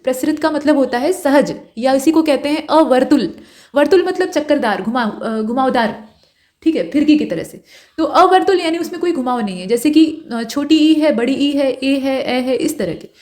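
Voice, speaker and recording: A woman with a high, light and slightly mellow voice teaches an online exam-prep grammar class. She explains things patiently and often checks that her students are keeping up. She slows down to sound out each vowel and letter as an example.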